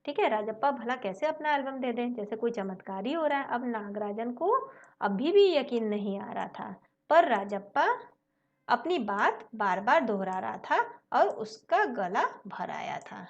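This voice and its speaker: A woman's voice: a little high, animated, a little slow, muffled recording. A woman teacher explaining a story lesson, retelling each line and then paraphrasing it with rhetorical questions.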